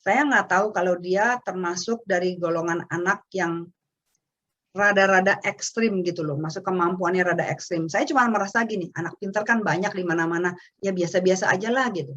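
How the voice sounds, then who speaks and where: Brief: middle-aged Indonesian woman, lively storyteller, slightly dull webinar audio. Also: on the low side, fairly quick. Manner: chatty, animated storytelling with acted quotes. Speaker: webinar speaker on parenting. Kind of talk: casual talk. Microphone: webinar microphone.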